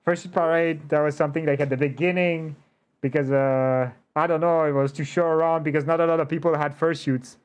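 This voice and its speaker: A man hosting a casual conversational interview, talking in an animated but hesitant way with slightly unidiomatic phrasing. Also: fairly high pitch, fairly quick, clear, resonant tone. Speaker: interview show host.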